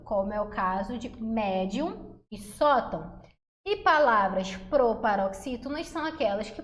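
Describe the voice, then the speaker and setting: A young woman teaching a Portuguese grammar lesson online, chatty and energetic, calling her viewers affectionate names. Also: on the high side, reverberant. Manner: chatty, energetic, calls viewers "meu amor" and "galerinha".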